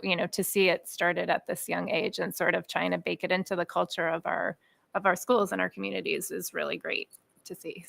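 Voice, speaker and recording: A woman's voice: lowish voice, gravelly, fairly bright tone, no room sound. A woman on a school committee, talking in a chatty, appreciative way with many fillers at a meeting. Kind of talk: meeting discussion. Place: meeting room.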